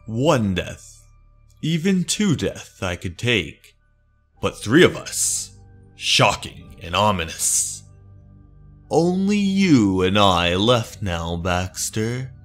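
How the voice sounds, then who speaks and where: Man playing a grave, husky older accomplice. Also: on the low side, big pitch swings, slow pace, a bit bright, soft background music, full character voice. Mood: alarmed, grave. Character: alarmed older bald businessman, grave and suspicious.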